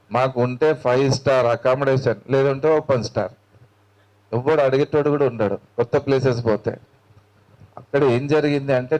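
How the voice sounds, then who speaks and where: A man's voice: medium pitch, darkish tone, highs cut off. A man with a Telangana accent, a meditation teacher giving a spiritual talk in a colloquial storytelling manner, acting out the dialogue. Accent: Telangana Telugu.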